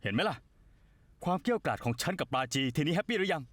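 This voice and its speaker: A curt, arrogant rock star. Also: male voice, on the high side, very animated, quick pace, fairly bright tone, dry recording. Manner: curt, dismissive. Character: arrogant, short-tempered young rock star. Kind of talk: Thai dubbing of a TV drama.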